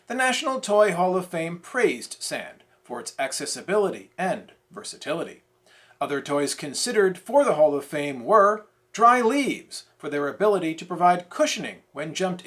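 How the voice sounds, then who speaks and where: A man reading a scripted parody newscast as its anchor, with a deadpan newsreader delivery. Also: a little high. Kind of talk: scripted mock newscast narration.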